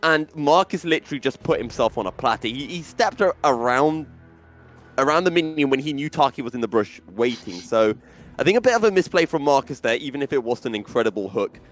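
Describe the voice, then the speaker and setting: A man casting esports play-by-play live, with animated, dramatic calls. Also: medium pitch, brisk, soft background music.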